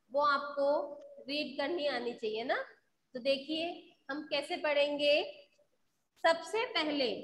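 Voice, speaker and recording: A woman teaching a school phonics class online, asking her students questions and answering them herself, and slowly sounding out syllables. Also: high-pitched, a bit bright. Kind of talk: online Hindi phonics lesson. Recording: echoey room with faint background noise.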